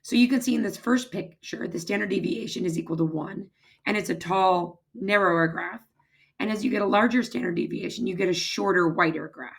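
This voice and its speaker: A woman with a hoarse, raspy voice that is giving out, explaining step by step as a math teacher in an informal recorded lecture. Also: medium pitch, brisk. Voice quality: husky, raspy, strained voice. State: hoarse, losing her voice, throat-clearing.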